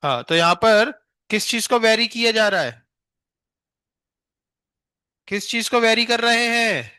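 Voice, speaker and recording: A man's voice: high voice, expressive, a little slow, bright, forceful tone, clean tone, dry recording, clean studio sound. A male physics teacher in a classroom, firing questions at students and teasing them, with an Indian accent in his English.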